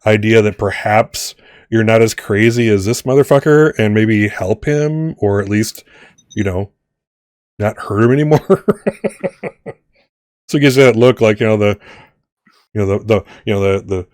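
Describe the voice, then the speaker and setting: A man's voice: fairly low pitch, unhurried, pauses often, darkish tone, dry recording, clean studio sound. A man narrating as game master, rambling with many restarts.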